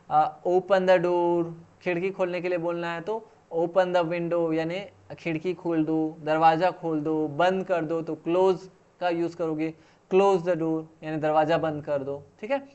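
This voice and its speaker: A man teaching classroom English phrases, saying each phrase slowly and then explaining it in Hindi. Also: fairly high pitch, fairly even intonation, a little mellow, clear, resonant tone, lo-fi sound. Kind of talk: spoken English lesson.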